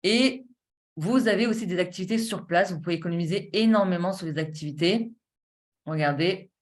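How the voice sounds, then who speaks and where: A woman's voice: on the low side, a little fast. A woman giving a casual, enthusiastic sales presentation while showing her screen, chatty and full of filler words and restarts. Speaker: presenter of a travel savings platform.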